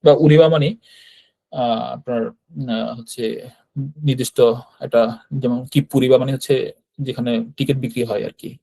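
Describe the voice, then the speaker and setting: A man's voice: mid-range voice, fairly even intonation, moderate pace, long pauses, warm tone. A man from Bangladesh, teaching a Japanese vocabulary class and explaining each word in an explanatory manner, repeating terms and checking with his students. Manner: explanatory, repeats words, frequent fillers and "right?" checks.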